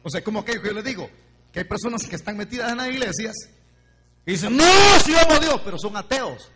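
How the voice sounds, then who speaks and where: A man preaching an evangelical sermon, passionately alternating quiet asides with shouts and calling listeners brother. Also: high-pitched, animated, quick pace. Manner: impassioned, swings from quiet asides to shouted exclamations; keeps addressing listeners as "hermano". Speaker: pastor. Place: church or meeting hall. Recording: long hall reverb, faint hum.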